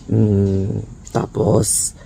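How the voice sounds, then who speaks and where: Hoarse male vlogger, slow and low, gravelly and raspy, chatty. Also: monotone, warm tone, a little hiss or hum. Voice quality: raspy, croaky voice. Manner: chatty Taglish, mixing in English; laughs breathily between phrases. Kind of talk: casual vlog chat.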